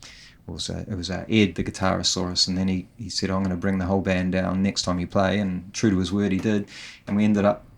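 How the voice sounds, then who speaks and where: Hardly pausing, a middle-aged man with a New Zealand accent speaks fairly quickly in a low, creaky voice. As a guest guitarist in a casual interview chat, he comes across relaxed and self-deprecating, laughing often and restarting his sentences many times.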